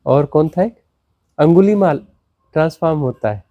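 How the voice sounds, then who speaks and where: The audio is narrow and tinny with no room sound as a man, a spiritual teacher, delivers an animated satsang discourse at normal speed. He repeats words, raises rhetorical questions, and shifts pitch dramatically.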